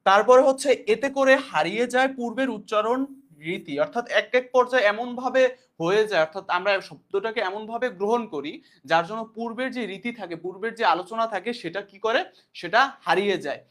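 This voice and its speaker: A man's voice: sits high, quick pace, a bit bright. A man teaching a class in a casual lecture style, explaining loosely and often repeating points and asking questions back to his students. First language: Bengali.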